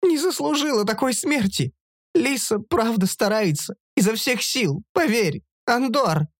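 A grief-stricken man pleads through tears, his words breaking up, as the reader acts him out. The voice runs high and moves widely, recorded close and dry. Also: expressive, unhurried, no echo, heavily acted. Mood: sobbing plea. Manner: tearful, pleading, broken-up. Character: sobbing, heartbroken grown man, a lawyer.

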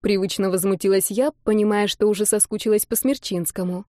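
A woman's voice: medium pitch, fairly even intonation, a little fast, warm tone, no room sound, clean studio sound. Woman narrating a romance audiobook. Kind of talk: first-person audiobook narration.

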